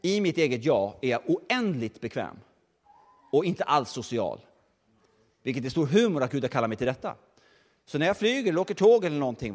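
High, lively man preaching in a hall. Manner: lively storytelling with audience asides. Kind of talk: sermon.

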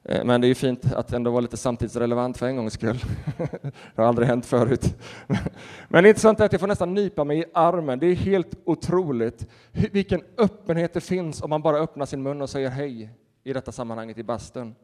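A man who is a pastor, preaching a sermon and telling stories in a lively way with acted-out quotes. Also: medium pitch. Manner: animated storytelling with laughter and acted-out quotes. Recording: reverberant hall.

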